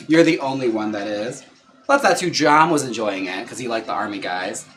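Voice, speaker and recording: A man's voice: medium pitch, lively intonation, unhurried. A man with a sassy, campy drag queen manner, chatting casually on a livestream while doing makeup. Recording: clearly noisy room ambience.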